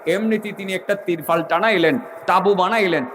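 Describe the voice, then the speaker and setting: A man's voice: high voice, fairly quick, a bit bright. A male preacher, telling a story in a sermon, acting out the voices and asking the crowd questions. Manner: dramatic, acts out voices in the story, addresses the crowd directly.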